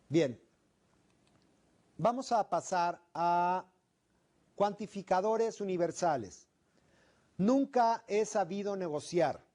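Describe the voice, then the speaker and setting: A man's voice: sits high, a little mellow. A middle-aged man teaching a negotiation class, often asking questions and acting out example phrases. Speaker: instructor. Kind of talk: classroom lecture.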